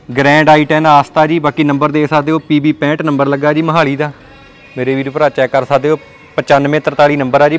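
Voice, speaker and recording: In a large indoor showroom, a Punjabi car dealer with a fairly high voice gives a walkaround sales tour of his stock. His pitch is friendly and repetitive, and he calls viewers brothers.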